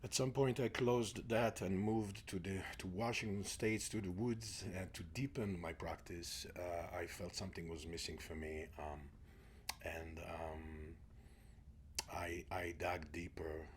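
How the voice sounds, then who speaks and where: A man's voice: low-pitched, steady tone, unhurried, slight background noise. A middle-aged man from Israel, guest on an interview show, speaking reflectively and often sinking to a near-whisper. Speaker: guest, spiritual teacher.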